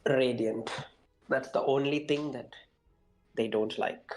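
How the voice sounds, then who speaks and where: Slow deliberate man. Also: mid-range voice, fairly even intonation, a little mellow, faint music behind, low-quality recording. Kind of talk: tabletop role-play chat.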